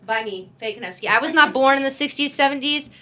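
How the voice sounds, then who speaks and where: A young woman from the United States tells a rambling, chaotic stand-up bit in a small comedy venue. Her voice sits high and bright, and she speaks into a handheld stage mic. She keeps breaking off with asides and fixes. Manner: chaotic, rambling, quick asides and self-corrections. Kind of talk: stand-up set with slides.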